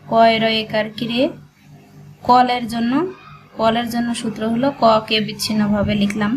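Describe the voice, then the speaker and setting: A woman with a fairly high voice patiently teaches a shorthand class, splitting words into syllables and repeating them in a slow, step-by-step dictation. Background noise can be heard.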